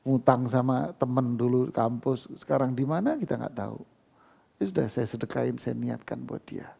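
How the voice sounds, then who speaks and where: A man's voice: mid-range voice, moderate pace, vocal fry, mellow, slightly rough. A man giving a casual Quran lesson in a mosque, talking conversationally and acting out little dialogues with his listeners. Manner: conversational, acts out dialogues, laughs often.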